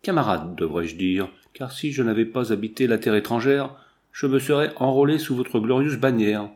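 A man's voice: mid-range voice, moderate pace, darkish tone, lightly acted. A male reader gives us a young artist with urgency and passion in his voice. He pleads with the crowd in an ordinary mid-range tone, close to a plain storybook reading. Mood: urgent. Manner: impassioned, pleading.

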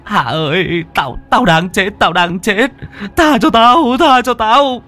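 A man's voice: high voice, expressive, slow pace, bright, forceful tone, soft background music, pitched above the performer's own voice, heavily acted. A man voicing a terrified young villager stammering and begging for mercy.

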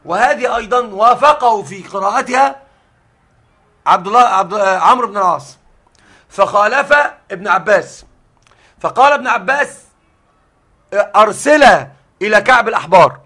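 A man teaching a religious lesson as a sheikh, explaining with halting starts and frequent repeated words. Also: sits high, animated, bright, forceful tone, slightly rough.

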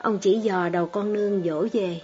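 A woman narrating a storybook in a steady, measured way. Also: medium pitch. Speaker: audiobook reader. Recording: dull lo-fi audio with faint background music.

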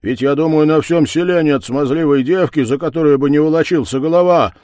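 A man's voice: rumbling low, big pitch swings, no echo, studio quality, voice pushed down. Man doing a brash, rowdy burly lad. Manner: loud, fast, brash. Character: burly young male carouser, rowdy and brash.

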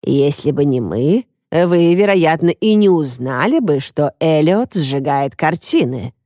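A sharp-witted woman of seventy-seven, voiced by a female narrator in an audiobook, brisk and sure of herself. The voice sits low and dark, recorded dry and close. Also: dry recording. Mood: confident.

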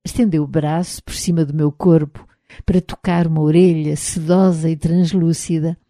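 A woman with a European Portuguese accent reading a first-person novel aloud in a measured, even storytelling manner. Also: low-pitched, no echo, studio quality. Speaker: audiobook narrator. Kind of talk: scripted first-person narration.

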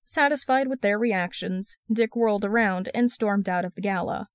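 A woman reading a fan fiction story aloud as a podfic, in an even storytelling read. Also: medium pitch, normal speed, clear, resonant tone, dry recording, studio quality. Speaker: podfic reader.

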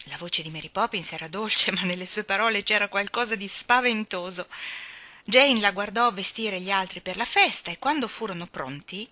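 A woman reading a children's storybook aloud in an expressive way, at moments dropping to a whisper. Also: medium pitch. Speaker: audiobook reader. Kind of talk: storybook narration.

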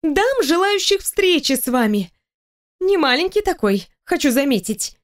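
A woman voicing a flustered, indignant young female office worker in an audiobook, protesting in a high, drawn-out voice. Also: animated, darkish tone.

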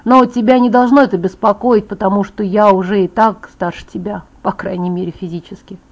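A woman voicing a teenage werewolf boy in an audiobook, explaining things in a calm, wry tone. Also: medium pitch, a little fast, close to an everyday voice. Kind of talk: audiobook character voice. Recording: dull lo-fi audiobook file.

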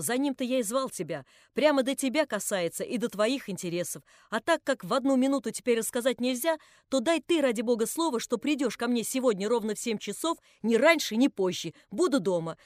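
An insistent, jovial man, as a woman reader plays him in a storybook. He presses his point emphatically, and each phrase is pushed out louder than the narration around it. The voice stays close and dry. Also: a little high, lively intonation, fairly quick, few pauses, no room sound, lightly acted.

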